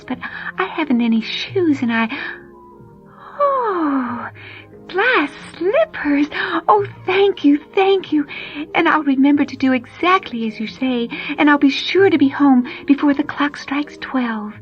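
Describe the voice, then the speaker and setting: Woman doing a shy sweet servant girl, high and breathy, stammers, dull old record w/ faint music. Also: very animated, a little slow, heavily acted. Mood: tearful.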